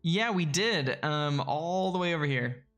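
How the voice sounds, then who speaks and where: A man's voice: fairly high pitch, lively intonation, measured pace, a bit bright, faint music behind. A man casually chatting while playing a strategy game on a live stream, easygoing and hesitant, with plenty of ums and chuckles.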